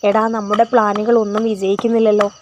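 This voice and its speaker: A woman's voice: medium pitch, level tone, fast talker, a little mellow, lo-fi sound, a little hiss or hum, natural voice. A woman voicing a cheerful young man who encourages his friend in a told story. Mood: encouraging. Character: young man, tall talker, cheerful buddy.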